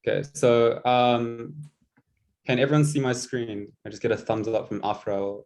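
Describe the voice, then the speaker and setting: A young man in his twenties with a New Zealand accent, acting as guest presenter and tutor, gives a casual, self-mocking talk over a video call, using lots of ums. His mid-range voice has little pitch movement, a normal speed, and a darkish tone.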